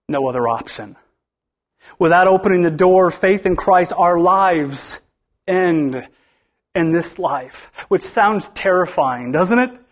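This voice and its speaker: High-voiced preaching man, swinging loud to soft. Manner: calls to the congregation for responses. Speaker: pastor. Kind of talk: sermon. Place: church.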